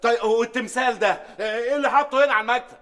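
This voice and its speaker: A fast-talking, hot-tempered Egyptian man. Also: extremely high pitch, steady tone, background noise. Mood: scolding. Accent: Egyptian Arabic. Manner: shouting and grumbling. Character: short-tempered middle-aged man bossed by family. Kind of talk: sitcom acting.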